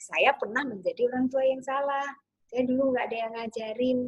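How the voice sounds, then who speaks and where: A woman parenting coach giving a gentle online talk, sometimes acting out soothing words to a child. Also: high voice, a little fast, muffled recording, slight background noise.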